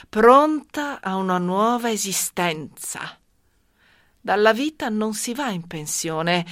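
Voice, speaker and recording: A greedy scheming widow. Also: female voice, low voice, creaky, full character voice. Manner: slow, brooding inner monologue. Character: greedy scheming widow, brooding and self-indulgent. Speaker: radio drama actress. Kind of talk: radio drama monologue.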